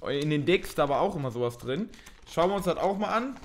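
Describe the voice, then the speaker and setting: A man's voice: a little high, animated, brisk. Chatty young man unboxing cards. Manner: chatty, thinks aloud, mildly self-mocking. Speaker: unboxing video host. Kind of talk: casual unboxing commentary.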